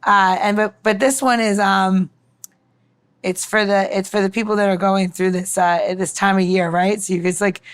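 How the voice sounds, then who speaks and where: A woman mixologist gives a casual, informal demonstration in a cooking-show style, chatting and explaining as she works. Her mid-range voice is smooth and flat, at a normal speed.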